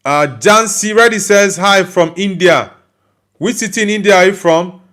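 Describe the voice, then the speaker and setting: A sharp-toned, high-sitting male voice at a moderate pace belongs to a young Nigerian-accented football streamer. He casually chats and reads the live chat aloud, often restarting and using fillers.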